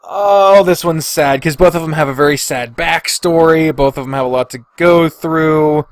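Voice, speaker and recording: A man hosts a casual solo podcast, thinking out loud hesitantly, deliberating, sighing and swearing freely. His voice is a little high, at normal speed, with no echo.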